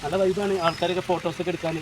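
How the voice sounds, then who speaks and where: A man's voice: sits high, little pitch movement, racing. A man with a Kerala accent hosting a casual family travel vlog, mixing English words into his Malayalam. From Nilambur, Kerala, India. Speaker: vlog host. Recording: noisy on-location recording, traffic and ambience.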